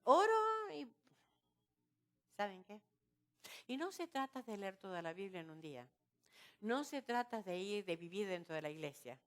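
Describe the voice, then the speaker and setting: A woman preaching a sermon at a women's retreat, lively and often asking her listeners rhetorical questions. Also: mid-range voice, moderate pace. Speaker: retreat speaker.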